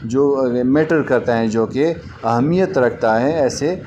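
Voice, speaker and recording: A man teaching a lesson. He reads English phrases slowly and deliberately, then explains each one. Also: medium pitch, darkish tone, lo-fi sound, slight background noise. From Pakistan.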